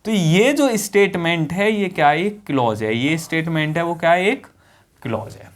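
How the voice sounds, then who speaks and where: A man's voice: a little high, animated. A male teacher leads a grammar lesson in a classroom style. He fires off questions to his students and answers them himself, calling them "brother" and "child". He hammers key points home by repeating them, and drags out words as he writes. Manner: repeats key points, drawn-out words while writing on the board.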